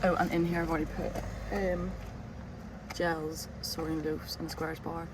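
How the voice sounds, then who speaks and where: A woman's voice: sits low, flat delivery, normal speed, background noise. A woman chatting casually to camera as a vlogger.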